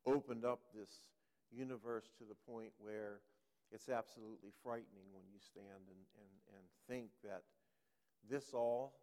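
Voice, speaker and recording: A man speaking to a church congregation as a guest speaker and author, earnest and unhurried, often pausing with ums. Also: mid-range voice, darkish tone, long reverb tail. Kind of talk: sermon. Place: church sanctuary.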